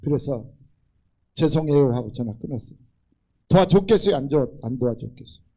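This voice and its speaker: A man's voice: medium pitch, animated, a little fast, mellow, low-quality recording. An older man preaching a Sunday sermon in a church as its pastor, talking animatedly and acting out the voices of the people he quotes. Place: church sanctuary.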